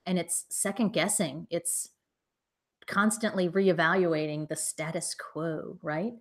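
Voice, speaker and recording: A woman's voice: lowish voice, fairly even intonation, takes it slowly. A woman in her thirties co-hosting a casual chat from a living room couch, teasing and chatty, often tagging lines with "right?". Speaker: co-host of a reselling channel.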